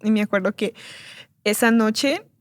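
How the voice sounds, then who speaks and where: Earnest young woman sharing her story. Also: a little high. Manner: earnest, halting, often repeats words, grows soft and tearful. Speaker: interview guest sharing her testimony. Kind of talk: emotional personal testimony. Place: church recording studio.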